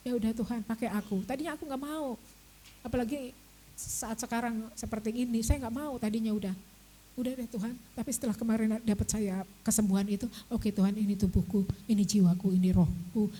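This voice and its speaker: Older woman with a mellow, husky voice. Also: fairly high pitch, low-quality recording. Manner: chatty, confiding, laughs often, prays aloud. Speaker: church speaker giving testimony. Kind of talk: testimony sermon.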